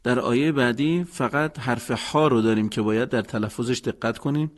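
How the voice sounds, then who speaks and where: Calm male instructor, steady lesson narration. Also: medium pitch. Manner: calm, methodical, explaining pronunciation. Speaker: teacher.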